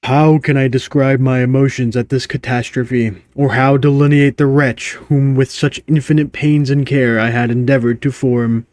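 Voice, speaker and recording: A man voicing a haughty gorilla genius with a deep, breathy voice, handing down slow, pompous verdicts. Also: steady tone, a little mellow, dry recording, clean studio sound, close to an everyday voice. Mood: theatrical. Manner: pompous, slow critical pronouncements.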